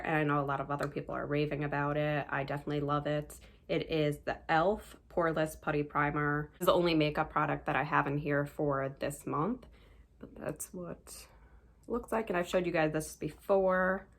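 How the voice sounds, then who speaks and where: A young woman with a low voice and a gravelly fry, reviewing her monthly beauty favorites in a relaxed, chatty way. She keeps recommending things straight to her viewers. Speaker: beauty vlogger. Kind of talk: casual product review.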